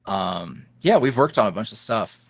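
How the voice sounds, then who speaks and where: A man who creates ASMR roleplays chats casually as a podcast guest, sounding loose and animated as he trails off, restarts, and laughs between thoughts. His voice sits lowish at a moderate pace. The recording is dry, with clean studio sound.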